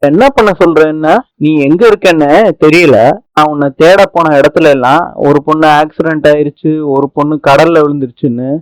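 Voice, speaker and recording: A man's voice: on the high side, fairly even intonation, brisk, no room sound, close to an everyday voice, rough recording. A man voicing a frantic young husband. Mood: worried. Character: anxious young husband searching for his wife.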